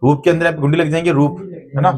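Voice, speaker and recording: A man's voice: fairly high pitch, little pitch movement, fast talker, darkish tone. A middle-aged man teaching a Hindi spelling lesson in a classroom, coaxing his students with repeated tag questions.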